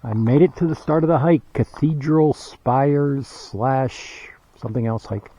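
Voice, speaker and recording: Out on the trails and around a campground, this man rambles through his hiking vlog at an unhurried pace, thinking aloud and filling gaps with plenty of fillers. His mid-range voice comes through dull lo-fi camera audio over a noisy background.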